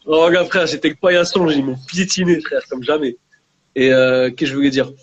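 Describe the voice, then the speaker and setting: A man's voice: fairly high pitch, moderate pace, highs cut off. A young man with a French Maghrebi urban accent talks casually in a discussion, mixing street slang with Arabic religious terms. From France, of Maghrebi family. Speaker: guest, book author.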